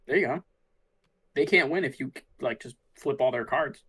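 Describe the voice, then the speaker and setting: A man's voice: mid-range voice, normal speed, a bit bright, breathy edge. A man casually commentating on a card game tournament, musing aloud about the plays as they happen. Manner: thinks aloud, musing and easygoing.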